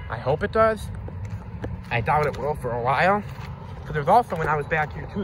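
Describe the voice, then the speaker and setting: A man films himself outdoors beside a fenced empty lot, his voice sitting a little high for a man. He rambles and restarts his sentences as he talks to the phone. Loud traffic roars behind him throughout. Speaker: vlogger exploring closed stores. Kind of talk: casual filmed walkaround commentary. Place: outdoors by a fenced empty parking lot near busy road. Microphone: phone camera held by the speaker. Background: passing traffic.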